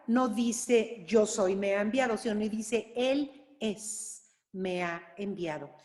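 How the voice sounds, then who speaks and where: A woman teaching an online Bible course, explaining scripture slowly with many fillers and restarts. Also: mid-range voice, darkish tone. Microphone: online class recording. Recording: roomy reverberant online class audio.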